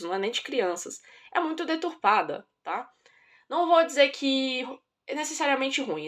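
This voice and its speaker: Young Brazilian woman, a kids' teacher, with a fairly high voice and an expressive, self-mocking casual vlog delivery. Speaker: teacher of children.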